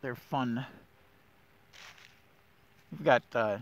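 Out in the winter woods, a middle-aged man hosts a casual nature walk as a woodland steward, enthusiastic and thinking aloud with plenty of fillers. His voice is medium-pitched and very slow, and the highs are cut off.

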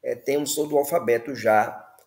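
A man's voice: medium pitch, moderate pace, darkish tone, reverberant. A man teaching the Hebrew alphabet, patiently repeating words and checking in with listeners. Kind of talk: slow classroom explanation.

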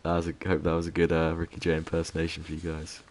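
Male streamer, very deep voice, hushed, laid-back banter and swearing. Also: monotone, fast. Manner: keeps voice down, hushed. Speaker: gaming streamer. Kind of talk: casual live-stream commentary.

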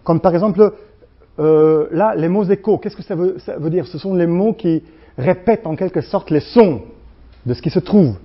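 Slavic-accented man lecturing, halting delivery. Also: high voice, dull audio. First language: Slovene. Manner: halting, many restarts and fillers, acts out sounds. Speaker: guest lecturer. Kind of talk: university lecture.

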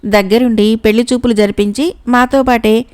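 A woman voicing a scheming neighbor woman who coaxes in a sweet, honeyed way, with a smooth voice. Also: a little high, steady tone, normal speed, a little mellow, close to an everyday voice. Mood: coaxing. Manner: coaxing and honeyed.

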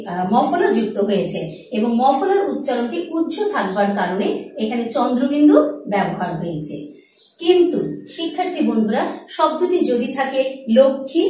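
A woman's voice: sits high, a little mellow, recorded from a distance. A woman teacher gives a board lesson, explaining step by step and asking and answering her own questions. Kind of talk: board lesson on Bengali pronunciation. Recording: echoey room, voice from off the mic.

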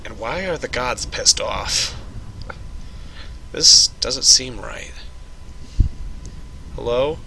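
A man's voice: mid-range voice, lively intonation, extremely slow, gravelly, pauses often, a little hiss or hum, low-quality recording. Wry man doing gaming commentary. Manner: wry, sarcastic. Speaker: let's play host. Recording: loud game music and rain behind.

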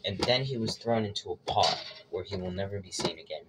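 Joking male cooking vlogger, loud noise. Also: deep voice, brisk. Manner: joking, self-mocking asides. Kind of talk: casual cooking vlog.

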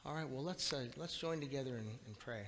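A man's voice: medium pitch, fairly bright tone. Earnest man praying in a church hall. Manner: earnest, halting with repeated words. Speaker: pastor. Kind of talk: spoken church prayer. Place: small church sanctuary, indoors. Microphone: far camera at the back of the church. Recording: reverberant church hall, faint room hiss.

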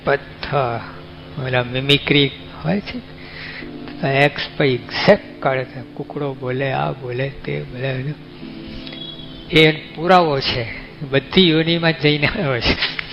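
A man's voice: mid-range voice, slow pace, vocal fry. A man with a Gujarati accent, giving a folksy, conversational sermon as a monk, often asking his listeners questions. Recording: dull lo-fi recording with faint music.

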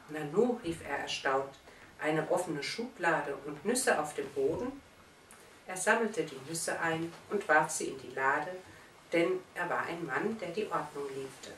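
A woman reading a children's story aloud with lively, expressive storytelling. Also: low-pitched, slight background noise. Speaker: story reader. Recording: roomy, distant mic, faint background.

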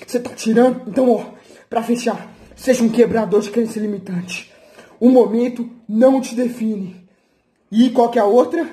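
A man's voice: very high voice, steady tone, normal speed, mellow. A young man, an athlete vlogger, giving a brash, profane, slang-filled motivational rant and boasting about himself.

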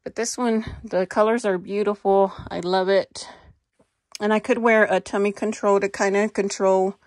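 Her medium voice moves at a normal pace with fairly level intonation as this middle-aged American fashion vlogger chats off the cuff about her haul and try-ons. She records in a small walk-in closet on a handheld phone, and the recording is dry.

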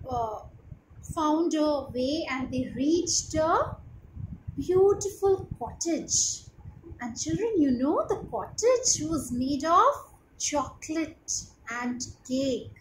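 A young Indian-accented woman tells children a moral tale in a high, very lively voice, pacing it slowly and often pausing to ask her young listeners questions. Her delivery is expressive and instructive. She's in a small room at home, and the recording has a roomy echo and clear background noise.

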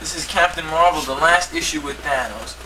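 Hissy, far-miked audio from an old VHS home video captures a man at home, indoors, presenting his comic collection in a mock TV-presenter voice. His pitch is fairly high and he talks a little fast, picked up by a camcorder mic across the room.

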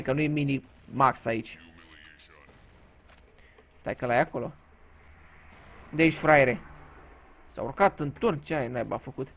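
A man's voice: mid-range voice, a bit bright, slight background noise. A man from Romania giving casual gameplay commentary, telling crude, joking stories and swearing freely. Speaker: gaming YouTuber.

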